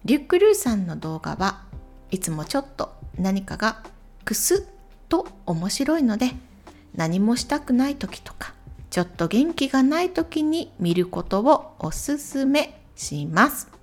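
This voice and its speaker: A woman hosting a solo podcast, talking clearly and unhurriedly, with soft whispered asides. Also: on the high side, very animated, unhurried. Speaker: podcast host. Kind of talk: scripted solo podcast recommending YouTube channels.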